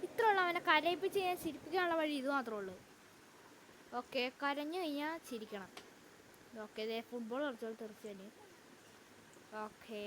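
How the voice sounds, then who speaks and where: Chatty woman gamer, fairly high voice. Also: a bit bright, a little hiss or hum. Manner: chatty, addresses viewers as guys, jumpy frightened outbursts. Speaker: gaming YouTuber. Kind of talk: let's play commentary.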